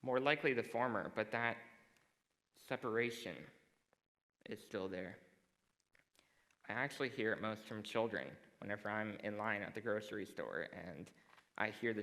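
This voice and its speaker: Low-voiced teenage boy giving a stage talk. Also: fairly even intonation, a bit bright, poor audio. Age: teens. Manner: dry self-deprecating humor, measured delivery. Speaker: student speaker. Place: school auditorium stage.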